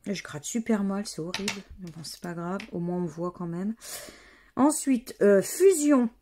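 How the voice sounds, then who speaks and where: A woman's voice: medium pitch, a little slow, mellow. A woman from France giving a casual running commentary as she scratches lottery tickets, spelling out letters one by one. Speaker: scratch-card vlogger.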